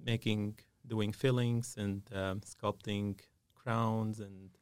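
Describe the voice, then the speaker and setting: A man's voice: lowish voice, little pitch movement, takes it slowly, clear, resonant tone, no room sound. A man, a dentist talking as a guest in a podcast studio, hesitant and full of fillers. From Syria. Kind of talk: casual interview.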